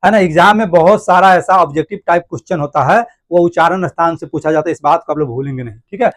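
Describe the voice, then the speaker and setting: A male teacher with a high voice delivers a fast classroom grammar lesson, repeating each point and posing questions to the class that he answers himself. He addresses his students affectionately, and the recording is close and dry with no room sound.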